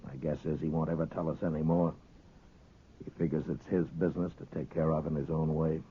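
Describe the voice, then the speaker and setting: An actor playing a steady, world-weary American marshal in a 1950s radio western, measured and laconic as he questions people. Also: very deep voice, slight background noise. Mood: sober, pensive. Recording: muffled, narrow-band old radio recording.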